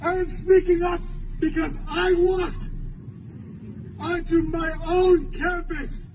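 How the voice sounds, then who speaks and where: Man in his 40s, rally speech, very high voice, slow deliberate delivery, emotional shouting. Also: flat delivery, a faint crowd, slight background noise, rough recording. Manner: emotional, shouting, forceful repetition. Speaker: university employee speaking at a rally.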